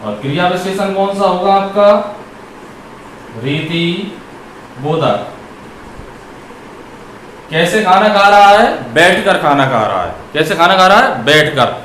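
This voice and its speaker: A man teaching grammar. He asks questions and answers them himself, and he draws words out slowly when he dictates examples. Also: high voice, lively intonation, a bit bright. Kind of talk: classroom grammar lesson. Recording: echoey room with faint noise.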